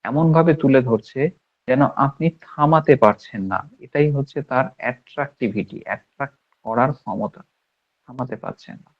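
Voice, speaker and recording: A man's voice: mid-range voice, moderate pace, highs cut off. A man from India giving an emphatic lecture on homeopathic remedies and acting out patients' complaints in quoted voices.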